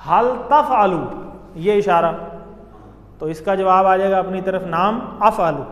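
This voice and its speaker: A man with a high voice teaches a classroom grammar lesson, patiently breaking each point down and leading the students in chanted drills. He is recorded in an echoey hall with a long reverb tail. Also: measured pace, a bit bright. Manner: patient, explains step by step, leads chanted drills.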